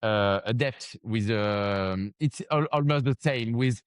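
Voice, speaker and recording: A man's voice: on the low side, slow pace, smooth, dry recording. French-accented man speaking broken English. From France. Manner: broken English with grammar slips and searching for words. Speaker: founder of a gym franchise, interview guest. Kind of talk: interview answers.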